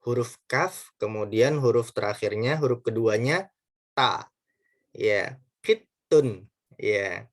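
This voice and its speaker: A man's voice: medium pitch, fairly bright tone. A man teaching a recorded Arabic lesson, patient and repetitive, saying "ya" often and stretching out the Arabic words to model them. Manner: slow, patient, repeats words and says "ya" often.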